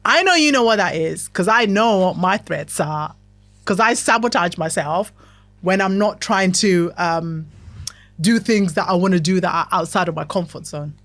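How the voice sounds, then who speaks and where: A woman's voice: lowish voice, expressive, normal speed, a bit bright, no room sound. A woman hosting a podcast, giving a motivational self-help talk in a chatty, talkative way that keeps checking in with the listener. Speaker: podcast host.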